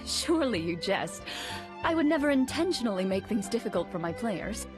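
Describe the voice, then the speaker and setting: A woman voicing a composed female champion duelist in a game, calm, reserved and formal. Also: a little high, moderate pace, music in the background. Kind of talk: game cutscene voice acting.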